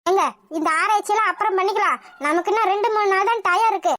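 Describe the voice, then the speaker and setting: A woman's voice: very high-pitched, fast, fairly bright tone. A woman voicing an anxious, greedy middle-aged mother in a cartoon, pleading and fretful. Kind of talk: animated cartoon voice acting.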